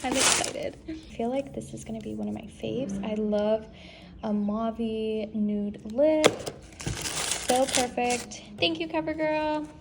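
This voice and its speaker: Gushing, slow-talking young woman vlogger. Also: a little high, gravelly. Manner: gushing, excitable. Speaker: lifestyle vlogger. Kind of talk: casual vlog chat. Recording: loud background noise.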